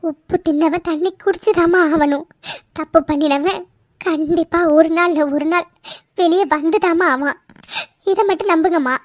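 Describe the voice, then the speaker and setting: A woman's voice: very high-pitched, moderate pace, dry recording, clean studio sound. A woman voicing a scheming, tearful sister-in-law in a cartoon, pleading and swearing oaths. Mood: solemn. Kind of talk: cartoon voice acting.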